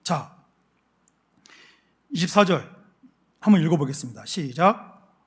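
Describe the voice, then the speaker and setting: A male pastor delivers a midweek Bible lecture, telling the story with animated emphasis. His voice sits high for a man. He drives each point home with lively, emphatic phrasing. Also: a little slow, husky.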